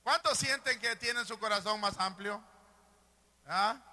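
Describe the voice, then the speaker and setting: A male pastor preaching a fervent sermon from a church pulpit, moving between hushed asides and shouted lines. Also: high voice, measured pace.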